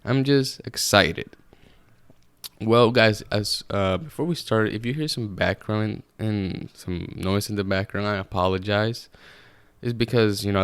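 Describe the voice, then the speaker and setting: Low gravelly man, casual. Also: dry recording. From Puerto Rico. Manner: rambling, swears freely, self-correcting. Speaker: podcast host. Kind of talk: casual solo podcast monologue. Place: apartment room.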